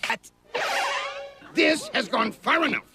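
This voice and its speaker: A wholesome middle-aged cartoon dad, with a creaky edge and wildly animated pitch. He sounds earnest, folksy and excitable, over clear background music. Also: slow, heavily acted. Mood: stern, exasperated. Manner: folksy, earnest, emphatic, swooping delivery. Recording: music behind the dialogue.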